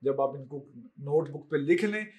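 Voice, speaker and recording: A male teacher with a Pakistani Urdu accent, slowly dictating a recorded lesson step by step. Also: fairly high pitch, darkish tone.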